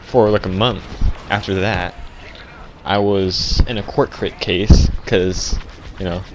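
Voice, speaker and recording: A young man telling an absurd comic story deadpan, rambling and halting with lots of restarts. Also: low voice, noisy background. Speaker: vlogger.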